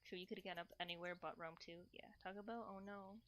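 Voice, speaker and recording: This woman speaks briskly in a fairly low voice with fairly even intonation, chatting casually with livestream viewers while she cooks. Her talk is playful and meandering, full of repeated short phrases and cutesy broken grammar. A little hiss or hum runs under the audio.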